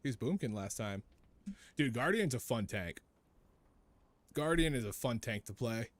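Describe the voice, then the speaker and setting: A man's voice: mid-range voice, animated, normal speed, no echo. A man streaming a video game, chatting casually as he plays and often repeating his own phrases. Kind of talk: casual live gameplay commentary.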